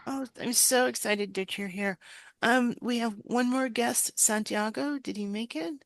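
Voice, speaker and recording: A middle-aged woman hosting a webinar on a video call headset, speaking haltingly with frequent pauses. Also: on the high side, no echo. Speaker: webinar host.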